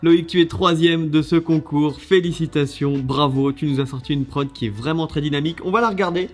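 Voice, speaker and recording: A man hosting a casual video, judging contest entries in a lively, chatty way with many fillers and restarts. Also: a little high, brisk, faint music behind.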